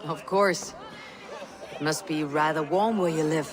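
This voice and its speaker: In a dramatic game cutscene, a performer plays a steadfast and loyal Viking warrior woman who is direct, friendly, and wry. She speaks a little slowly in a low-pitched voice, and crowd noise can be heard behind her.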